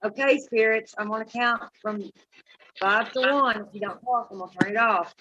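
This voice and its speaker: A woman's voice: fairly high pitch, moderate pace, pushed and bright, a little hiss or hum. A middle-aged woman with a folksy, informal way of talking, chatting and telling stories casually as host of a paranormal live stream. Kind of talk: casual chat and storytelling to live viewers. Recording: dull, lo-fi live stream audio.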